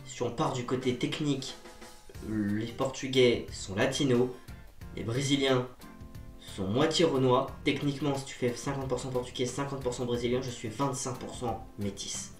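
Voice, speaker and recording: A man's voice: normal speed, soft background music. Joking young man in an echoey room. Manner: jokey, animated, swings between loud outbursts and low asides. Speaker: YouTuber. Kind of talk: comedic vlog monologue. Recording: roomy sound from a distance.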